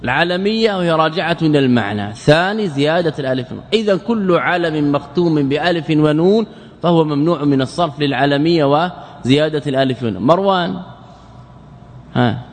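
A man who is a scholar teaching Arabic grammar, reciting verse lines slowly and then asking rhetorical questions and answering them himself. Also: fairly high pitch, animated, long reverb tail. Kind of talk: lecture.

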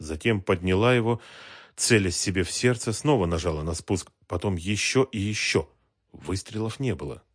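A man reading a crime novel aloud, with expressive, dramatic narration. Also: deep voice, normal speed, breathy edge, no room sound, clean studio sound. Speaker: audiobook narrator. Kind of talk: scripted narration.

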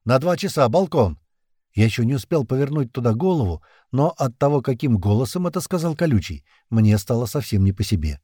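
A man's voice: mid-range voice, a little fast, few pauses, dry recording. Give me a man reading a first-person thriller audiobook. His voice moves up and down expressively and sounds close and dry. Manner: expressive, tense storytelling. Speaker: narrator.

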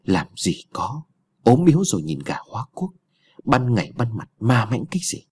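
Man doing a gruff dismissive husband. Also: mid-range voice, very animated, normal speed, darkish tone. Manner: brushes off fears curtly.

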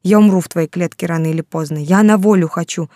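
A desperate young heroine pleads for her freedom in a raised, tearful voice, as a woman reads her. Her tone is warm and dark, and it sits up high and loud against the narration. This is a close, dry audiobook read. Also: fast talker, no echo, lightly acted. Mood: anguished.

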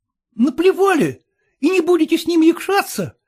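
A man's voice: very high voice, sing-song, moderate pace, darkish tone, husky, heavily acted. A man reading aloud, voicing an earnest, jealous and self-satisfied male suitor who pleads fervently. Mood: pleading.

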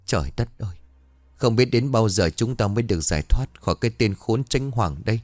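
A man's voice: on the low side, animated, brisk, darkish tone, no room sound, lightly acted. A man voicing a downtrodden peasant who laments his oppression with resignation. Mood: lamenting.

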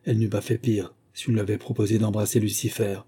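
A man reading a novel aloud in a measured, even narration. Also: lowish voice, husky. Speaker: audiobook reader.

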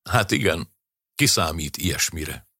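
A man voicing a soft-hearted car thief who is driving, in a storybook reading. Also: low-pitched, animated, no room sound, studio quality, full character voice. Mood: shaken, sighing.

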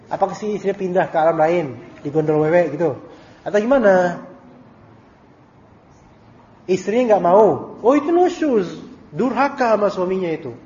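High-voiced man teaching, lo-fi recording. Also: animated, normal speed, pauses often, a little mellow. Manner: casual, joking, reads out questions and answers them. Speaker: Islamic teacher. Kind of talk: recorded study-circle lecture with Q&A. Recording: dull lo-fi audio with faint hiss.

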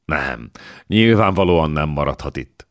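Male audiobook narrator; extremely deep, measured, dry close sound. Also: animated, dry recording. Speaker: audiobook reader. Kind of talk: scripted narration of a historical novel.

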